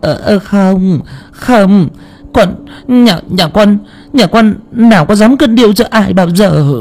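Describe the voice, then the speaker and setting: A high, rough voice stammers out pleas: a man acting out a flustered middle-aged seafood seller in an audiobook. She begs a medium for help and trips over her words. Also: animated, moderate pace, darkish tone. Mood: pleading. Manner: stammering, pleading. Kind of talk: audiobook character voice.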